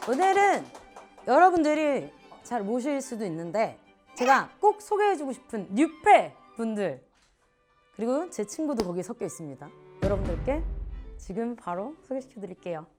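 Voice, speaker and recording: A woman's voice: on the high side, sing-song, moderate pace, over music. A woman in her thirties hosting a casual talk show, teasing her guests in playful banter.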